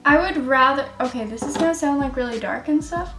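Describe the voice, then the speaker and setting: A woman's voice: high voice, fairly quick. A young woman telling a story while doing her makeup, rambling and giggly with lots of fillers. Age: young adult. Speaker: beauty vlogger. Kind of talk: chatty get-ready-with-me storytelling. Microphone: camera mic. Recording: echoey room with faint music.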